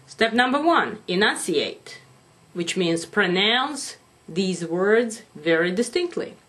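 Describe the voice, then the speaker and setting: A woman gives a lesson at an unhurried pace, leaning hard on the stress of every word she drills. Her pitch rises and falls widely as she demonstrates. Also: big pitch swings, a bit bright. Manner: slow, deliberate enunciation with stressed number drills. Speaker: English communication teacher. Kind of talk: instructional talk to camera.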